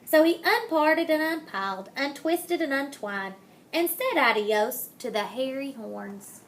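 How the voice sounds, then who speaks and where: A woman with a high, very lively voice reads a children's picture book aloud in an expressive way, with slight noise in the background. She goes slowly, giving each phrase a dramatic delivery and savoring the rhymes and wordplay.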